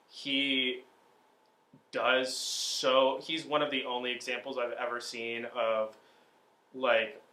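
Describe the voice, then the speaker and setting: Bright-voiced young man, echoey room. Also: medium pitch. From Miami, Florida. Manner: reflective, loose, many fillers and restarts. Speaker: theatre student and singer-songwriter. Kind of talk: casual sit-down interview.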